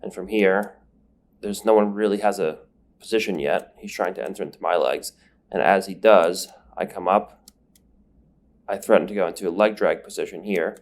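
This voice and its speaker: A deep-voiced man at a moderate pace provides separately recorded voice-over as a grappling instructor. He explains things step by step, sniffling because his nose is numbed.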